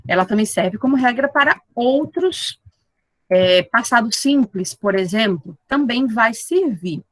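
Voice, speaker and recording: A woman teaching an English class online, with slow explanations, repeated model words and frequent checks with her students. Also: a little high, animated, dry recording, low-quality recording. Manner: checks in with the class often with tag questions.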